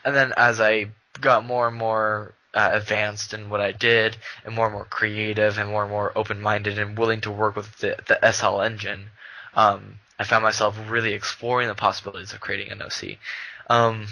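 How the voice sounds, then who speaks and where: A man's voice: lowish voice, little pitch movement, moderate pace, vocal fry, sharp tone, highs cut off. A young man co-hosting a podcast in casual chat, rambling with many fillers and restarts. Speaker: podcast co-host.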